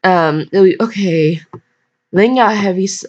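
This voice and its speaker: At a moderate pace and mid-range pitch, a woman reads a fan fiction story aloud, casually stumbling and breaking off into jokey asides. It's recorded on a dull lo-fi microphone.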